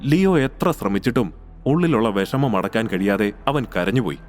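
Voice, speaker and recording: A man narrating a scripted audio story in a steady, measured way. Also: lowish voice, soft background music.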